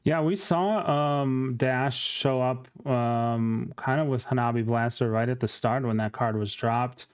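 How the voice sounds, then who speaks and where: A man hosts a casual card game talk, friendly and chatty, with plenty of ums as he leads his co-host through the topic. His voice is smooth and clear, pitched in an ordinary middle range. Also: measured pace, few pauses. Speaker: channel host.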